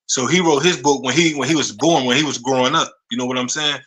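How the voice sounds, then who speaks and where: A man in his thirties hosts a podcast interview, his medium-pitched, fairly bright voice coming through poor audio. He talks casually and haltingly, often repeating words and saying "you know what I'm saying."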